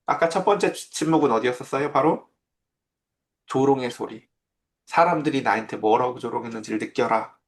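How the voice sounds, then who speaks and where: A man's voice: mid-range voice, brisk. A man preaching a sermon as pastor, in a conversational way that keeps asking his listeners questions.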